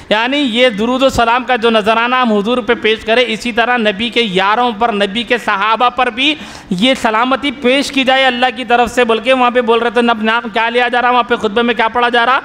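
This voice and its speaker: A man's voice: extremely high pitch, fairly even intonation, moderate pace, bright, forceful tone, in a large hall. A middle-aged man, a maulana, giving a religious workshop lecture to a live audience, telling everyday stories and often putting questions back to his listeners. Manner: quizzes the audience with repeated questions; storytelling with everyday examples. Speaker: Islamic scholar, maulana.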